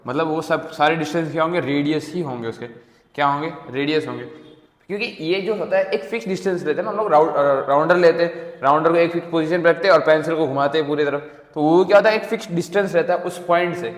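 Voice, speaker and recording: A man's voice: fairly high pitch, quick pace. A young man teaching math in a casual lecture, often asking a question and answering it himself. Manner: repeats questions and answers them himself, keeps checking in with "theek hai". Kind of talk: casual Hindi-English lecture to students. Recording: echoey room with long reverb.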